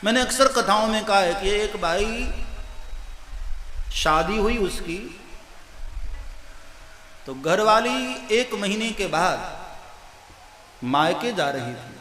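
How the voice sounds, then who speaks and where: Man, devotional storytelling sermon, high bright voice, lively character dialogue. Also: slow, long pauses. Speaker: kathavachak. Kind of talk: devotional discourse with humorous storytelling. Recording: echoey hall with faint noise.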